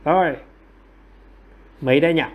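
A man with a slightly high voice runs an online English quiz on a livestream. He nudges students to answer and shrugs off his own mistakes with a laugh and a fast apology.

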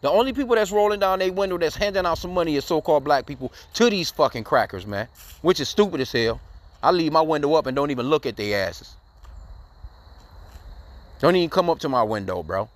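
A man's voice: on the high side, expressive, a little fast. A man giving heated, profane, rambling commentary, tagging his sentences with "man", in casual talk to his viewers. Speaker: commentary channel host.

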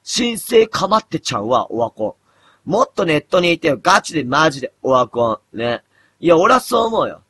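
A man in his thirties chatting casually on a late-night live stream, mumbling low and then breaking into loud, rough outbursts. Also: sing-song, normal speed. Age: 30s. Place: dim room at home.

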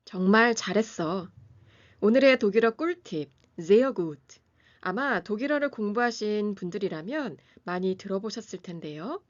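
A woman hosting a music lesson, reading a scripted lesson and pronouncing German terms slowly and carefully. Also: medium pitch, animated, muffled recording. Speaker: piano teacher and channel host.

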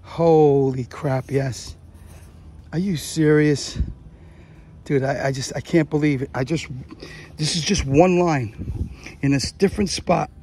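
Excitable man narrating a dig outdoors. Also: on the high side, a little slow, long pauses, a little hiss or hum. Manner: excitable, exclaims over finds. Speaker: metal detecting vlogger. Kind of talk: casual narration while digging. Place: outdoors in a large field.

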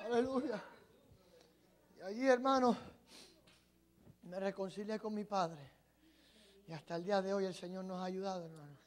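A middle-aged man preaching in Spanish, telling a personal story that rises to shouted, tearful peaks and falls to quiet teaching. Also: sits high, normal speed, pauses often. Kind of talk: impassioned sermon testimony.

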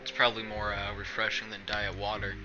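A man's voice: lowish voice, completely flat delivery, a little fast, bright, forceful tone, dull audio, soft background music. A young man chatting casually while streaming from his bedroom, rambling in a self-deprecating, sarcastic way with plenty of swearing. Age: young adult. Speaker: streamer and video editor. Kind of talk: casual rambling livestream chat. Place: small bedroom indoors.

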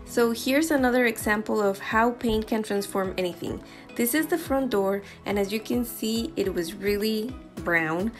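A woman's voice: fairly high pitch, moderate pace, faint music behind. A woman in her forties narrating her home renovation vlog in a chatty, encouraging way, recorded on a lapel mic at home. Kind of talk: friendly voice-over narration. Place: home living room, indoors.

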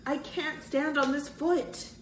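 A woman's voice: high-pitched, animated, slow, darkish tone, echoey room, a little hiss or hum, voice pushed up. A woman reading aloud, voicing a hurt, whining young boy in a storybook. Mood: whiny. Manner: whining, stammering.

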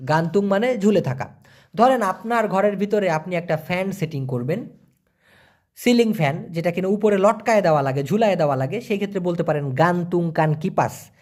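A man teaching a vocabulary lesson, spelling words letter by letter and repeating them slowly. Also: high-pitched, animated, a little mellow. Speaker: language teacher.

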